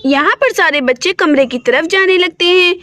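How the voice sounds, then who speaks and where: A woman's voice: very high-pitched, normal speed, bright, forceful tone. A woman narrating a doll-play story in plain storytelling lines.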